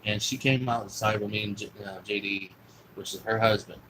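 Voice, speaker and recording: A man's voice: lowish voice, steady tone, moderate pace, noisy background. A young man telling a long personal story in a rambling, profane, casual way. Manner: rambling, profane, full of fillers and restarts.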